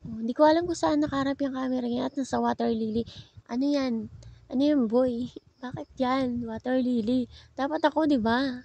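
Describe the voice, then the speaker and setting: A woman's voice: high voice, fairly quick, mellow, no room sound, dull audio. A woman from Bicol narrating her vlog in a chatty, playful, self-mocking way. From Bicol, Philippines. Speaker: vlogger. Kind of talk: casual vlog voice-over narration.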